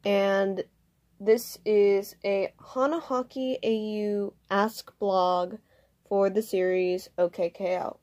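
A woman introducing and reading her own fan fiction in a relaxed, hesitant way, with many fillers. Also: medium pitch, slow pace. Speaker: fan fiction author and reader. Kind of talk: casual ask-blog intro and reading.

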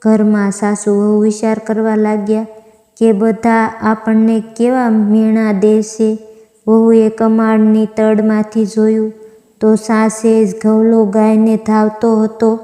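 Slow, flat-voiced woman telling a devotional tale. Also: a little high. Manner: slow, even, recited delivery. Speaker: storyteller. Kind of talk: devotional vrat story narration. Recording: echoey room with long reverb.

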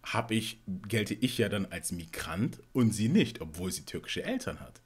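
A man from Togo, a panelist in a casual discussion, talking in a measured, analytical way. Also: lowish voice, big pitch swings.

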